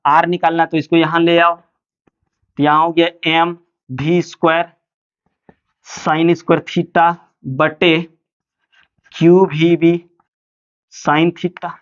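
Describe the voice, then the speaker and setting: A man's voice: on the high side, level tone, takes it slowly, long pauses, a bit bright, clean tone, lo-fi sound. A male physics teacher giving a classroom lecture, asking students questions and answering them himself. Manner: calls students "bhaiya" and "dear children".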